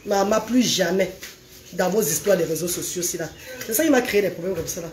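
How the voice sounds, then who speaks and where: A woman chatting on a casual live stream, animated, calling her viewers "maman". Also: fairly low pitch, brisk. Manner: animated, calls viewers "maman", sings out names. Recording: echoey room with faint background noise.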